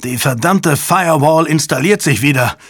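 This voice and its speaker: Gruff male tech chief, shouting orders; male reader voicing. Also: a little high, expressive, moderate pace, no echo, voice pushed up. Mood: triumphant. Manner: barking commands.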